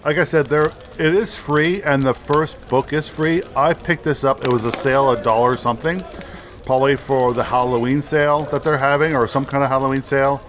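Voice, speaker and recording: A man at a middle pitch reads a fantasy gamebook aloud, stumbling and restarting over awkward phrases. Between passages he drops into easygoing, self-mocking chatter with the viewer. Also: steady tone, fairly bright tone. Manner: halting reading with frequent restarts and stumbles; chatty and self-deprecating in asides. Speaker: let's play host. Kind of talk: reading a gamebook aloud with casual asides.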